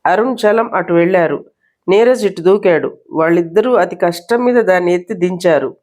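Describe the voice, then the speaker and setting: A woman storyteller reading a novel aloud with steady, expressive narration. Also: fairly low pitch, normal speed. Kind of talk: scripted narration.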